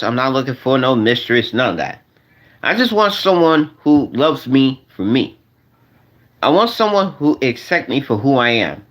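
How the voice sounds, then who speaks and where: A man's voice: on the high side, a bit bright. Rambling, repetitive man in his forties. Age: 40s. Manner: repetitive, restarts and repeats phrases; slangy, addresses viewers as y'all. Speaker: vlogger. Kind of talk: rambling casual monologue to viewers.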